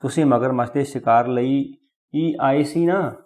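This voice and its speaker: A man's voice: medium pitch, unhurried, a little mellow, natural voice. A man doing a courteous, tipsy older clerk. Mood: eager. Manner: courteous, businesslike. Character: polite older bald male office clerk, tipsy.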